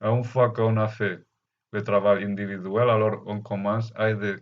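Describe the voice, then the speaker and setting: A man with a foreign Spanish or Catalan accent, speaking halting non-native French as he gives an unscripted spiritual message, often searching for words. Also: fairly low pitch, flat delivery. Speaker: spiritual teacher. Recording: dull, lo-fi muffled sound.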